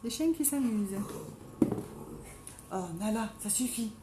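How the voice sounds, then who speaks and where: A woman's voice: animated, a little slow, background noise. Chatty middle-aged woman with a Marseille accent. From Marseille, France. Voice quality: deep, strong voice. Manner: chatty, self-mocking, talks to viewers by name. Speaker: makeup live streamer. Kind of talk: casual live-stream chat while doing makeup. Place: home. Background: dogs playing now and then.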